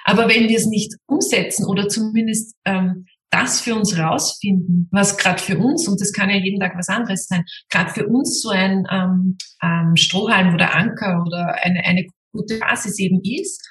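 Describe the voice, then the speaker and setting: A woman's voice: medium pitch, moderate pace, hardly any pauses. A woman, a mother talking as a guest in a casual conversation, reflective and thinking aloud with frequent restarts. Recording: roomy, distant from mic.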